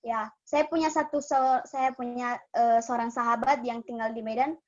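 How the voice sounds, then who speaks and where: High-voiced young woman giving an earnest testimony. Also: fairly even intonation, moderate pace. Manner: earnest and emotional, with many restarts. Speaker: testimony speaker at a church cell group. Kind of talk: personal testimony. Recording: dull lo-fi sound.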